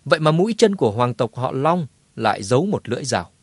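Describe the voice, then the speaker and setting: A man narrating a martial arts novel in a dramatic, lively telling. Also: mid-range voice, fast talker, breathy edge, no room sound. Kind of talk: scripted audiobook narration.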